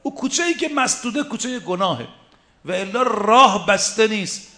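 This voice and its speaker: A man preaching a religious sermon, driving his points home in short rhythmic lists and slowly intoning Arabic verses. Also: sits high, expressive, sharp tone.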